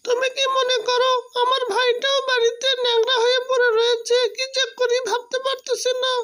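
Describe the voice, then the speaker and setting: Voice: extremely high pitch, completely flat delivery, normal speed, bright, forceful tone. A performer voicing an anxious, caring young fox in a cartoon, speaking earnestly and urgently. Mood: worried. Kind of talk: cartoon voice acting.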